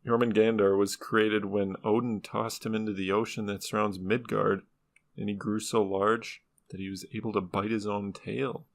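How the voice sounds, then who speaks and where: A laid-back man talking on a casual podcast with his friends. His voice sits low and has a gravelly, creaky edge. He laughs easily and swears without much thought. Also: flat delivery, moderate pace. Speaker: podcast co-host presenting the topic.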